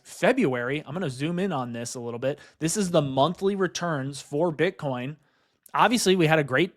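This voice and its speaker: A man with a slightly high voice talks through crypto price charts in a rush of excitement. He keeps addressing his viewers as "guys" and tosses in "right?" between points, his energy bubbling over as he goes. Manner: excitable, fast-talking, says "guys" and "right?" a lot. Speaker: crypto investing YouTuber.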